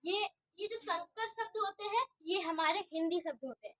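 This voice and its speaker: Woman teacher, very high voice, online grammar lesson, repeats herself, keeps checking understanding. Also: normal speed, fairly bright tone. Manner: asks questions and answers them herself, with frequent checks for understanding; repetitive, restarts words while explaining.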